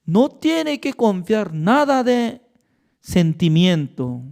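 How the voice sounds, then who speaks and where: Un pastor con acento coreano, de lengua materna coreana, que enseña un estudio bíblico con énfasis y preguntas retóricas. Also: male voice, sits high, very animated, takes it slowly, gravelly, a little mellow. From Korea. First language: Korean. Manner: emphatic, with rhetorical questions and non-native grammar. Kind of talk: Bible study teaching.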